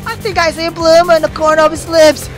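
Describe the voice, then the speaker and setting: A woman hosting a let's play, reading a visual novel aloud with loud, profane, emotional reactions. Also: very high voice, little pitch movement, quick pace, faint music behind.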